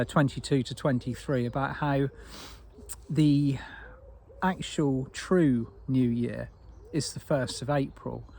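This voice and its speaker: A man giving an unscripted spiritual talk as a teacher, soft and meandering with frequent restarts. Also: medium pitch, creaky, slight background noise.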